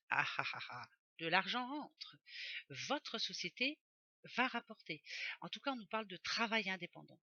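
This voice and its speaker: A woman's voice: on the low side, sharp tone, no room sound, highs cut off. A woman doing a casual oracle card reading for her viewers, chatty and rambling, often correcting herself aloud. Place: home office.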